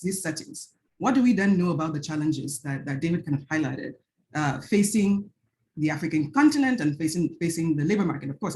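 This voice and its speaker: A woman researcher from Nigeria speaks on an academic video-call panel, her Nigerian-accented voice lowish and darkish. Earnest in tone, she keeps asking "right?" and restarting phrases. The low-quality recording carries a slight hiss or hum.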